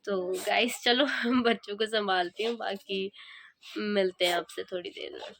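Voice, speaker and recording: A woman's voice: mid-range voice, steady tone, unhurried, creaky, a bit bright, a little hiss or hum. A young woman chatting casually to her viewers in a family vlog, sounding sleepy and tired. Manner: chatty, addresses viewers as guys. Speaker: vlogger.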